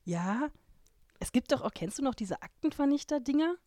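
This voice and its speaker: A woman's voice: high-pitched, normal speed, no echo. A woman podcast host reads a fairy tale aloud and breaks off for wry, casual remarks. Her voice moves up and down a lot. The sound is close and dry. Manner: lively and wry. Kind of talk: reading aloud with casual chat asides.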